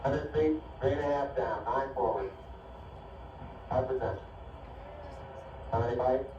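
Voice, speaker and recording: A man's voice: mid-range voice, a little slow, far from the mic. A man making clipped technical callouts over an archival space radio transmission. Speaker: spaceflight crew and mission radio operator. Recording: archival space radio, muffled, echoey, noisy.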